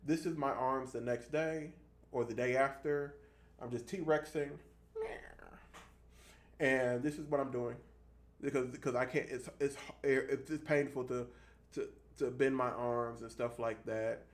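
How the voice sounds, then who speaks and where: With a steady tone in a mid-range voice, a man in his thirties talks casually to camera for his fitness vlog. He halts as he explains and repeats himself to drive points home.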